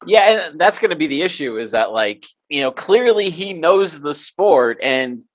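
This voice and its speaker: A man co-hosting a casual sports podcast, halting and hesitant, cursing casually. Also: on the high side, animated, muffled recording. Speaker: podcast co-host.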